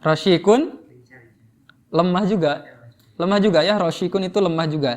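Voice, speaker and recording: This high-pitched male teacher, speaking at a normal speed with an Indonesian accent, runs a casual Arabic grammar lesson where he explains and tests his students with questions.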